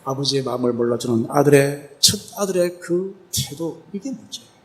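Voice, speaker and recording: A man's voice: mid-range voice, expressive, fairly quick. A male pastor preaching a sermon, retelling a parable and asking rhetorical questions.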